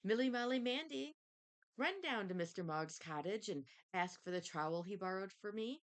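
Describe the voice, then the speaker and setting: Brief: a woman reading a brisk busy father from a storybook. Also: mid-range voice, lively intonation, natural voice. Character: busy father gardening, man.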